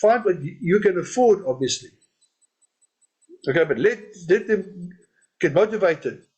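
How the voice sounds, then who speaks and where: A man's voice: high voice, lively intonation, unhurried, a little mellow, highs cut off. A man giving an informal training talk who repeats his points and laughs at his own jokes. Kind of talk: training talk on network marketing events.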